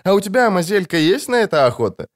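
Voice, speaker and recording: Man doing a sneering young bandit, mocking, taunting, high, lively storybook voice. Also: brisk.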